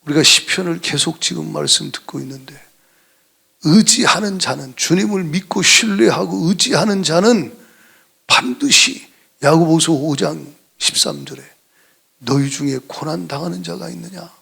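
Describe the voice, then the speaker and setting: High, gravelly-voiced male pastor preaching. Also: moderate pace. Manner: impassioned preaching, swings from shouted exclamations to hushed whispers. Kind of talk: sermon. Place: church sanctuary.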